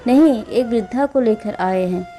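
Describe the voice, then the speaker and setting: A woman's voice: fairly high pitch, unhurried, mellow, soft background music, close to an everyday voice. A woman voicing a stern elderly mother-in-law who scolds firmly. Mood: scolding. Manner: scolding, commanding. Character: stern old mother-in-law, scolding but polite to guests.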